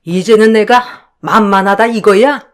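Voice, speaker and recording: A woman's voice: medium pitch, unhurried, close to an everyday voice. A woman voicing a harsh, scolding older mother-in-law in a dramatized story. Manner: scolding, contemptuous.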